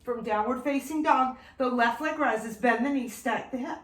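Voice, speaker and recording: A woman's voice: a little high, normal speed, roomy sound. A woman yoga instructor calling out poses in a yoga flow class, slightly out of breath as she moves through it. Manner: calm, directive cues, sometimes winded while moving.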